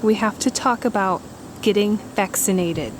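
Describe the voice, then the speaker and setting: A woman's voice: mid-range voice, a little slow, background noise. A woman talking to her dog in coaxing, encouraging baby talk.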